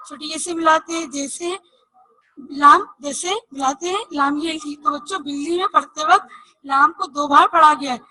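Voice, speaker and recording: Woman teacher, high voice, bright tone, spells letters slowly, dry close sound. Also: dry recording, rough recording. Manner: spells letters slowly, asks and answers own questions. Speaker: Urdu teacher. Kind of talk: online reading lesson for children.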